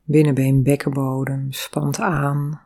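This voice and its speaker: A low, creaky-voiced woman calmly and slowly leads a guided breathing and body exercise, humming long resonant vowels in between her instructions.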